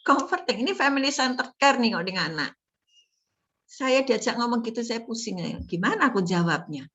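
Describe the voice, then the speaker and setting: A middle-aged woman, a nursing lecturer telling stories in a casual, animated class talk full of rhetorical questions. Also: on the high side, normal speed, rough recording. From Indonesia. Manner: chatty, animated storytelling with laughs and rhetorical questions.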